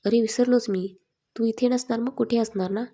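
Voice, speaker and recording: A woman's voice: on the high side, steady tone, normal speed, dark tone, husky. A woman reading the lines of a playful, teasing young man in a story. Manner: light teasing tone.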